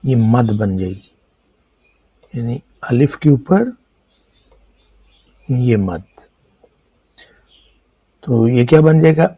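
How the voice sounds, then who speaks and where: A man's voice: medium pitch, animated, long pauses, slightly rough, dry recording, highs cut off. A man with a Pakistani Urdu accent teaching an Arabic lesson, explaining patiently and asking and answering his own questions. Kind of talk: classroom lecture explaining script.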